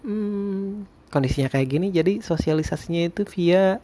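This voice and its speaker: A man's voice: high voice, normal speed, warm tone. A young man with a Jakarta-area Indonesian accent and a speech impediment on his r sounds, rambling informally and hesitantly as he hosts a casual solo podcast diary. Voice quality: speech impediment, cannot roll or clearly say the r sound (cadel). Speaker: podcast host.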